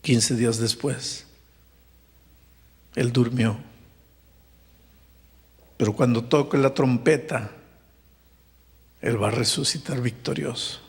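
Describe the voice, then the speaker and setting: A pastor telling a story in a sermon, rising to impassioned pleading. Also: male voice, mid-range voice, fairly even intonation, slow pace, pauses often. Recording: long hall reverb.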